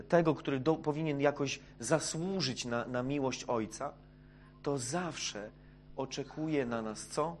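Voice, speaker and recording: A man preaching a sermon, hesitant with many fillers, dropping to a hush and then rising loud. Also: a little high, slight background noise.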